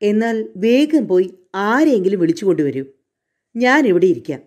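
A woman's voice: medium pitch, expressive, normal speed, darkish tone, lightly acted. A woman voicing a frightened young woman, pleading and urgent after a carriage crash.

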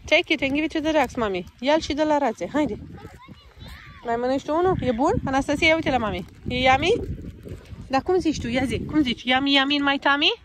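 A woman from Romania with a high voice films herself on a handheld phone in a town park, speaking gently to her toddler. She coaxes her child in a sing-song way and drops English words into her speech. A faint hum of the outdoors sits behind her. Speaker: vlogger and mother. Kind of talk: casual vlog chat with her toddler.

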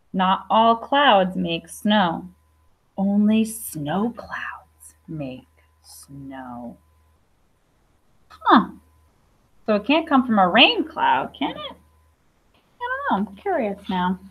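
A woman in her thirties, a primary school teacher, reads aloud to young children in an indoor classroom, enunciating clearly and tossing chatty questions to her listeners. Her voice sits at a medium pitch, and the audio sounds dull.

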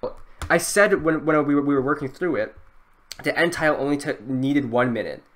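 A young man thinking aloud through a timed test, frantic and self-mocking, now and then breaking into loud outbursts. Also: a little high, moderate pace. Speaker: youtuber.

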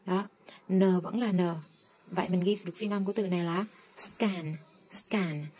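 A woman teaching English phonics, slowly drawing out and repeating each sound as she models it. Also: medium pitch, steady tone, a little mellow, slightly rough. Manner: slow, drawn-out modeling of sounds. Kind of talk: phonics lesson.

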